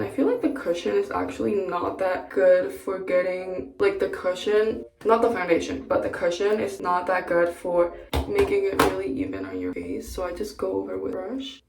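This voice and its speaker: Young woman with a gravelly, roomy voice. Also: medium pitch, darkish tone. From Peru. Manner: chatty and candid, frequent "like" fillers. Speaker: beauty vlogger. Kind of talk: casual chat during a makeup tutorial. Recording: roomy, distant mic with background music.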